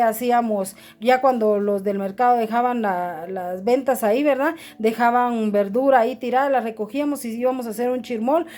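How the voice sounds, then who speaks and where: A woman's voice: on the high side, darkish tone. A middle-aged woman pastor, preaching earnestly and calling her listeners brother. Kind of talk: sermon.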